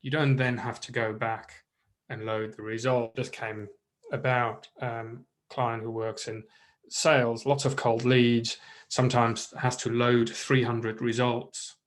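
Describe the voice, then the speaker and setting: A man casually walking a colleague through a software product update, often restarting his sentences as he explains. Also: medium pitch, flat delivery, takes it slowly. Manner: rambling, restarts while explaining features.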